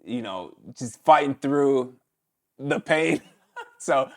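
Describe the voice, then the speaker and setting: Animated man telling stories. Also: mid-range voice, slow pace. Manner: animated storyteller, mimics his coach's shouts. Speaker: guest, former pro football player. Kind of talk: casual conversational interview.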